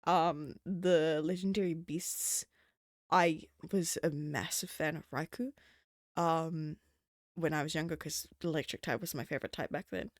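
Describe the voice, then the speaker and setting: A woman's voice: sits low, steady tone, measured pace, no echo, studio quality. A young adult woman streaming, chatting casually in a rambling, profane way, full of fillers. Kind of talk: casual livestream chat.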